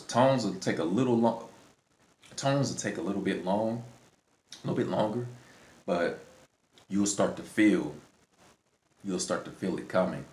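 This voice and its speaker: A man hosting a language-learning video, giving casual unscripted advice in a rambling way, often repeating and rephrasing himself. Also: deep voice. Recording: roomy echo, faint background noise.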